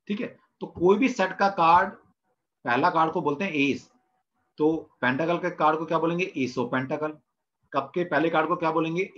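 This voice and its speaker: A man with a slightly high, somewhat bright voice leads an online tarot lesson, heard as dull audio through a video call mic. He poses questions to students, then answers them himself while repeating key terms.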